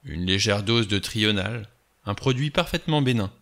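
A man's voice: on the low side, animated, normal speed, vocal fry, a bit bright. A man voicing a prickly, curt doctor. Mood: defensive. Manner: curt and acerbic. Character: prickly, defensive male doctor.

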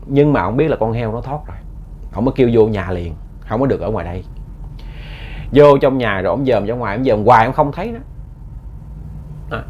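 A man's voice: mid-range voice, breathy edge. A man telling a ghost story in a folksy, repetitive way, often addressing his listeners.

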